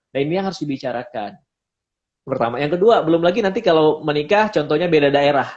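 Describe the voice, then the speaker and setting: Man, fairly high voice, casual seminar talk, dull lo-fi sound. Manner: explanatory, acts out quoted speech. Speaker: pre-marriage class speaker.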